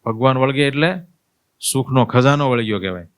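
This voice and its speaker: A swami giving a sermon. He tells a devotional story in a lively way, acts out its people's voices, and turns to his listeners with questions such as "understood?". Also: mid-range voice, fairly quick, clear, resonant tone. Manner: storytelling, acts out the old woman's cries and dialogue; asks listeners rhetorical questions. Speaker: swami giving a religious discourse.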